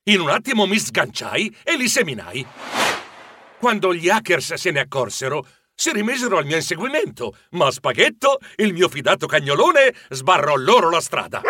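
Expressive male storybook narrator. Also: fairly high pitch, moderate pace, slight background noise. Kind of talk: audiobook narration.

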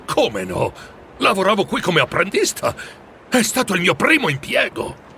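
Man doing a crusty old miser, shaky and hesitant, up and down pitch, storybook. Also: very animated, gravelly, bright, forceful tone, slight background noise, heavily acted. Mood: amazed. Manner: halting, moved. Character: grumpy hardened old man, wistful.

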